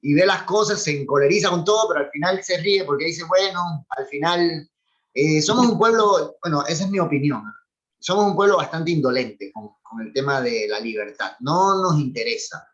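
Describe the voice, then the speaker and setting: Here the former Cuban cultural animator talks at a normal speed with lively intonation in a slightly high voice. He's casual, talkative and opinionated on the video call, laughing often, his Cuban Spanish accent coming through dull lo-fi sound.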